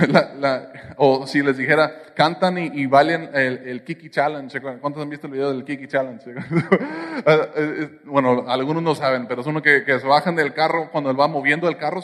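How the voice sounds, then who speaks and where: A man's voice: on the high side, steady tone, a little fast, hardly any pauses, fairly bright tone. Man, Mexican accent, pastor, sermon, joking asides, reverberant hall. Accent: Mexican Spanish. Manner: playful, joking asides to the congregation.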